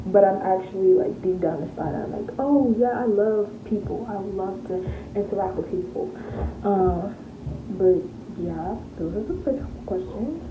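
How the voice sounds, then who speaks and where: A fifteen-year-old girl from Tennessee, chatting casually as a vlogger, rambling with many fillers. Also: medium pitch. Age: teens, fifteen. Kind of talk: casual get-to-know-me chat. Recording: tinny phone-like sound in an echoey room with noise.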